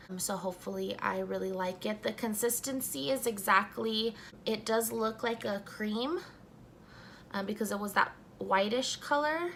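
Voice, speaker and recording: Soft-spoken young woman reviewing makeup. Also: medium pitch, slight background noise. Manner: soft-spoken, just woken up. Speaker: beauty vlogger.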